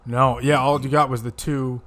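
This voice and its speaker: A man co-hosting a podcast, chatting casually about a movie and retelling its scenes with animated asides. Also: medium pitch, normal speed. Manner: animated storytelling, retells scenes in quoted voices. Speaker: podcast co-host reviewing a movie. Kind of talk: casual chat.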